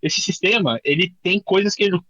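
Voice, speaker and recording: Brazilian male instructor, bright dry voice, casual workshop demo, lo-fi sound. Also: sits high, no echo. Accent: Brazilian Portuguese. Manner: informal, many restarts, thinking aloud while demoing; says he tends to talk fast. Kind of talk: live coding workshop explanation.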